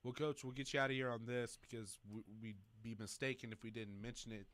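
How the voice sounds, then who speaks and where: A man hosting a high school sports talk show, chatty and joking with fillers. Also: fairly even intonation, quick pace, fairly bright tone. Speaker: sports radio host.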